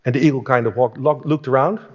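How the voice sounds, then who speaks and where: A chief executive giving an enthusiastic conference keynote, telling a story with frequent restarts. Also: male voice, mid-range voice, fairly even intonation, fast, darkish tone. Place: conference stage. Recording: reverberant hall, dull sound.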